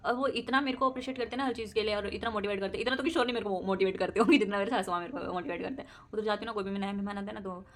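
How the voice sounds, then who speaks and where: A woman's voice: mid-range voice, steady tone, very fast, few pauses, fairly bright tone. A young adult woman vlogger chatting casually to camera about her daily life, laughing often and mixing in English words. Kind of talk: casual personal chat to camera.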